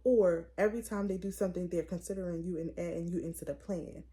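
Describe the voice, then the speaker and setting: A woman's voice: on the low side, fast talker. A young woman hosting her own channel, chatting casually and with conviction, full of "like" and "it's like". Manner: animated, opinionated, lots of "like" and "it's like". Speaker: vlogger host. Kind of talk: casual chat to camera.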